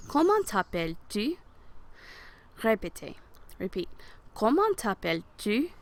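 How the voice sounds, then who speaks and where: Woman teacher, low and gravelly, patient, models words for repetition. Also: a bit bright. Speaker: French teacher. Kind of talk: recorded language lesson over slides.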